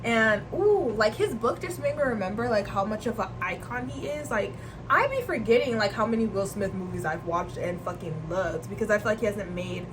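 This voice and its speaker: A woman's voice: medium pitch, noisy background. A young woman from Nigeria chatting casually in a vlog, rambling and slangy and laughing often. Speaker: vlogger. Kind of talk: casual chat.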